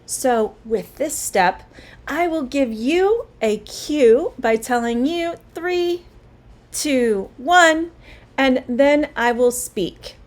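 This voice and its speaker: Woman english teacher, kinda high voice, slow and encouraging, really sing-songy. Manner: slow, clear and encouraging, with a very lively melody. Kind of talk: spoken English lesson.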